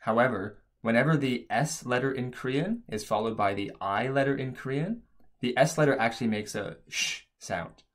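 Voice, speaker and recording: A man's voice: mid-range voice, normal speed. A man narrating an instructional language lesson as a teacher, explaining things step by step.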